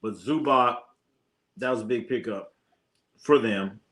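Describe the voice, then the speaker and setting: Speaking at a measured pace with a medium pitch and fairly bright tone, an American man hosts a sports stream. He keeps it casual and full of slang, giving straightforward opinions and repeating key phrases.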